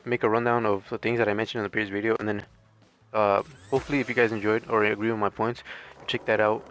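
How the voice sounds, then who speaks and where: A gaming video creator offers casual gameplay commentary, informal, rambling and hesitant, his voice mildly strained as though he's losing it. It's medium-pitched with a fairly bright tone and a little hiss or hum.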